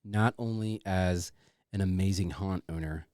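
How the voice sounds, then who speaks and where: Effusive low-voiced man co-hosting a podcast. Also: measured pace, darkish tone, dry recording, studio quality. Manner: effusive, repetitive, informal with swearing. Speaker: podcast co-host. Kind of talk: casual podcast chat.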